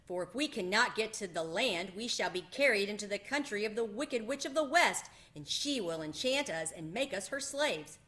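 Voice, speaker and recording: An anxious, soft-hearted tin man from a storybook, read by a woman. He frets earnestly in a bright, mid-pitched voice. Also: lively intonation, moderate pace, few pauses. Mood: alarmed. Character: worried tin woodman, male, tender-hearted.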